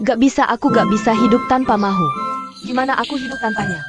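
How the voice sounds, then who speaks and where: A woman's voice: a little high, quick pace, lightly acted. A woman dubbing a quarrelsome, sassy female character in a TV drama. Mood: pleading. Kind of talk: dubbed TV drama acting. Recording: drama music playing underneath.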